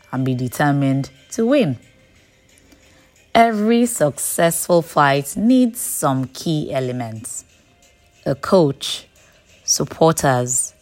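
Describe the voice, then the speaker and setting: A woman hosting a short devotional message, speaking in a deliberate, emphatic preaching manner. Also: deep voice. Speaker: devotional host.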